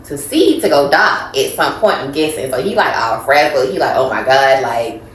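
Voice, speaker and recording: A woman co-hosting a casual podcast, her low voice swinging widely as she acts out stories. The room is echoey, with faint ambience behind her. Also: moderate pace, a little hiss or hum. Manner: animated storyteller, acts out voices. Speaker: podcast co-host. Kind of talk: casual chat.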